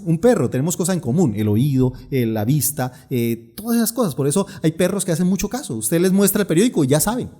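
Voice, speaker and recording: Middle-aged pastor preaching with humor and lively asides, slightly high voice. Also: male voice. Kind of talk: sermon.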